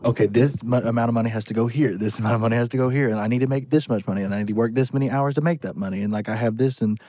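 A man's voice: mid-range voice, racing, dark tone, dry recording. A man in his early twenties chatting casually on a podcast, rambling with lots of "like". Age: 20s. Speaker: podcast co-host. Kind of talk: casual chat.

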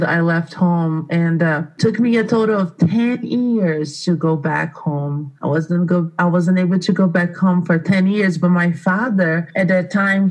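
A Brazilian woman in her thirties who owns an art studio tells her life story as a guest on a radio interview, speaking English with a Brazilian Portuguese accent. Her voice is lowish and a little mellow, and she is earnest and heartfelt, often restarting her sentences. The recording quality is low.

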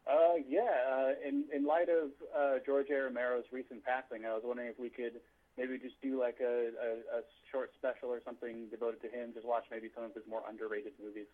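A man's voice: mid-range voice, level tone, a little fast. A man co-hosting a casual movie chat over a phone line, rambling with lots of fillers and restarts. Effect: heard over a phone line. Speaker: podcast co-host.

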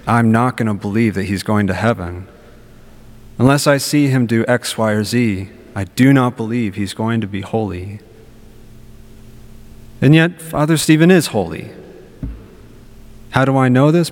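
A man speaking as a priest at church, reading scripture and preaching in a reflective way, with long cathedral-like echo around his voice. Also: on the low side. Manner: reflective, informal, rhetorical questions. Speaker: priest giving a homily. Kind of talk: Gospel reading and conversational sermon. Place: large reverberant church.

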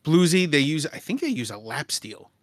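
A man's voice: fairly high pitch, big pitch swings, moderate pace, no room sound, clean studio sound. A man co-hosting a casual podcast, teasing and swearing while talking in a car. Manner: teasing, profane banter. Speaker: podcast co-host. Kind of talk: casual chat.

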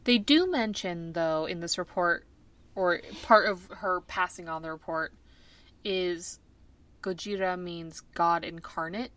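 A woman's voice: on the low side, unhurried, a bit bright. A woman co-hosting a podcast in casual chat about a film, recapping scenes and asking questions. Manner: recaps scenes, asks questions, laughs easily. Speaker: podcast co-host.

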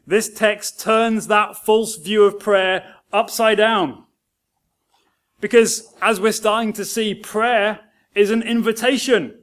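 A man's voice: sits high, fairly even intonation, slow, fairly bright tone. A man preaching a sermon as pastor, earnest and telling stories to make his points.

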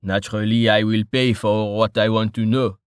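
A man's voice: on the low side, level tone, moderate pace, clear, resonant tone, no echo, natural voice. A man voicing a guarded male adventurer with a dry manner.

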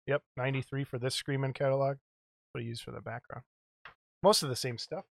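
A man's voice: mid-range voice, fairly even intonation, a little fast, creaky, dry recording. Rambling middle-aged man, dry close sound. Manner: rambling, chuckles often. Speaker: co-host of a model kit show. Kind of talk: casual show-and-tell chat.

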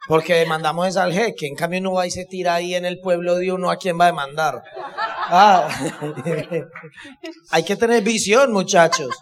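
A man cutting into a talk with loud jokes. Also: high voice, moderate pace, crowd noise. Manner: loud, joking. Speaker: speaker.

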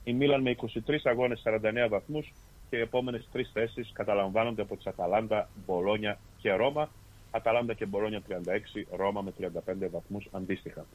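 Male sports podcast host, low voice, steady results reader who corrects himself as he goes. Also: muffled recording. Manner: steady, methodical, with fillers and self-corrections. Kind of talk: reading sports results and casual chat. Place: lives in Australia.

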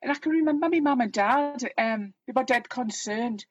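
A Geordie woman in her fifties appears as a guest, telling candid personal stories in a chatty, plain-spoken way and readily laughing at herself. Her fairly high voice has a husky edge, and the close, dry recording sounds slightly dull and muffled.

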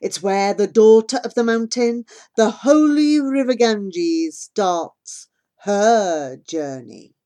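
A woman's voice: animated, warm tone. Woman doing crackly old mystic fortune-teller. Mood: solemn. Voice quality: crackly, low and rumbling. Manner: slow, solemn incantation. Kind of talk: audiobook character voice.

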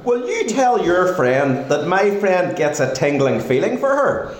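A man's voice: high-pitched, big pitch swings, unhurried. A man playing a sarcastic, indignant reluctant go-between in a stage farce. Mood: sardonic. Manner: indignant, sardonic. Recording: echoey stage, faint noise.

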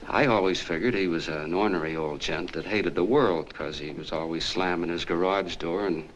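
Guy doing a folksy old-movie soda jerk, deep voice, rambling on and on, bit of hiss. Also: moderate pace, close to an everyday voice, rough recording. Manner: folksy, rambling, chatty storytelling. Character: earnest small-town soda jerk, middle-aged man. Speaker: soda fountain clerk telling a story. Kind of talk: 1940s film acting.

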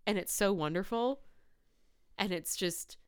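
A woman's voice: mid-range voice, unhurried, clear, resonant tone, dry recording, clean studio sound. A woman in her thirties co-hosting a casual chat, swearing freely, laughing often and telling stories with animation. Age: 30s. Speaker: podcast co-host. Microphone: no pop filter.

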